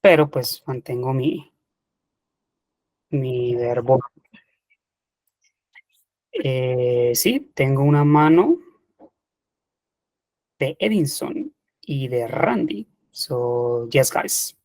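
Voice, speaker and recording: A man's voice: mid-range voice, animated, very slow, long pauses, a little mellow, no room sound. A man teaching English grammar in an online class, explaining step by step and checking in with the students. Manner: patient, methodical, checks in with "ok". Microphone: computer mic in online seminar.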